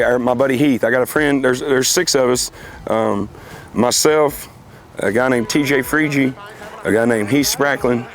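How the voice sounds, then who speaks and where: Folksy man over background noise. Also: medium pitch. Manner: folksy, plain-spoken. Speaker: competitive car auctioneer being interviewed. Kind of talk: casual reminiscing chat.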